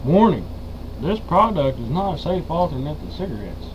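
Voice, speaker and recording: A man's voice: a little high, sing-song, moderate pace. An eighteen-year-old man with a Southern US accent, chatting casually as he reviews products. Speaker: dip reviewer. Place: small room indoors. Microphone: webcam or computer mic at arm's length. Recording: muffled, noisy webcam audio.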